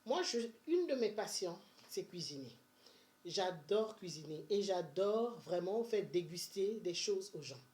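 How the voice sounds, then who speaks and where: A woman's voice: on the low side, animated, unhurried, darkish tone. A woman from Benin, chatting casually in a money-saving advice vlog, full of energy, fillers and restarts. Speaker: vlogger.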